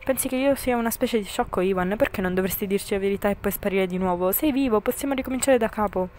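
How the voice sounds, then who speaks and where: A woman's voice: mid-range voice, fast, a little mellow, a little hiss or hum, lightly acted. Woman voicing a suspicious, pushy human friend. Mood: pressing. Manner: questioning, insistent. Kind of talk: amateur fan voice-over of a story game.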